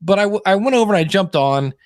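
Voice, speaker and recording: A man chats casually on a podcast roundtable, with a wry, sarcastic way of telling his story. His voice sits a little high. The sound is close and dry, with no room around it. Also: animated, quick pace, no echo. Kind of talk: casual panel chat.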